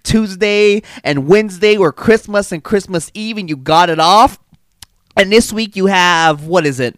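A man's voice: high-pitched, a bit bright, smooth, no room sound. A man hosting his own podcast in a chatty, sarcastic, rambling monologue, still slightly stuffy from a cold. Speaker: podcast host. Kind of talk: casual solo podcast monologue.

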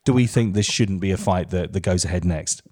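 Brief: male podcast host, low-pitched, warm dark tone, rambling questioner. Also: brisk. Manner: leads the talk with long rambling questions. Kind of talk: casual podcast chat.

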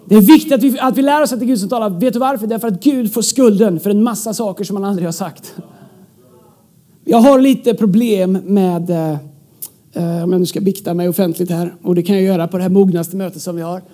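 A man from Sweden preaching a sermon as pastor to his congregation, animated, shouting out points and dropping English words into his talk. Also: sits high. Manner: animated, bursts into shouts, joking asides; drops English words into speech. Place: church stage before a congregation.

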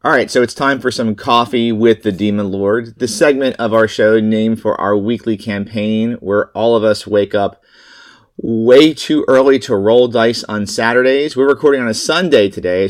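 Guy podcast host, kinda low voice, chatty and jokey, rambles a bit. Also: moderate pace. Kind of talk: casual chat.

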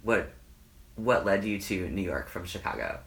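A man conducting an oral history interview in an apartment, asking questions in a soft, tentative way. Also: low-pitched, moderate pace.

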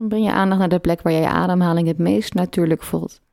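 A woman leading a guided meditation, speaking slowly and soothingly with long pauses between phrases. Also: on the low side, steady tone, gravelly, mellow, no room sound, clean studio sound.

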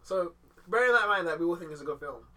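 High-pitched, fast London roadman-accented man. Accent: London, urban street slang delivery. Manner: slangy, animated. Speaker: podcast co-host. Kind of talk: casual film discussion.

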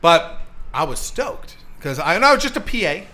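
A man's voice: on the high side, very animated, moderate pace, bright, forceful tone. A man talking as a podcast guest, telling blunt, profane stories about film work and laughing along the way. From Hollywood, California. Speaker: podcast guest, producer and author. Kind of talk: casual chat.

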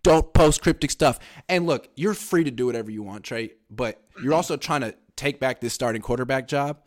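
A man's voice: mid-range voice, brisk. A man in his thirties co-hosting a casual sports talk show, emphatic and wry, often slipping into mock quotes. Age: 30s. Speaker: podcast co-host.

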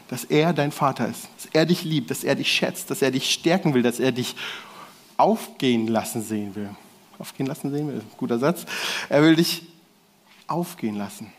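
A man preaching a casual sermon to a gathered audience, in slangy everyday speech with restarts and self-corrections. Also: fairly high pitch. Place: church hall with audience.

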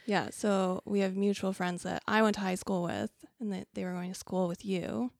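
Creaky young Canadian woman, dry studio sound. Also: mid-range voice, steady tone, moderate pace, a little mellow, dry recording. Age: young adult. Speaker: podcast guest, freelance designer. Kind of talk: casual interview. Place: studio, in person.

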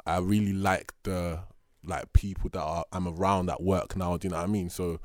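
A man's voice: sits low, steady tone, moderate pace, dry recording, studio quality. A young man with an urban London roadman accent, chatting casually and slangily as a podcast co-host, with plenty of banter. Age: young adult. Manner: slangy, bantering, addressing listener as bro.

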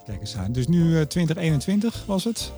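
A man's voice: on the high side, sing-song, fairly quick, mellow, soft background music. A man hosting an interview, asking direct and probing questions in a casual tone. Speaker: podcast host interviewing a founder.

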